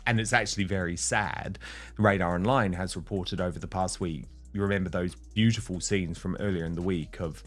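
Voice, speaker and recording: A man presenting a panel discussion, chatty and quick with asides to his guests. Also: low voice.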